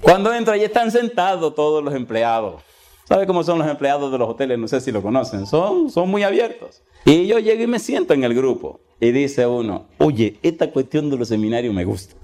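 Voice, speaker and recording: Humorous pastor telling a story. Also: male voice, on the high side, brisk. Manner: humorous, animated, acts out dialogue. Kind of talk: storytelling sermon.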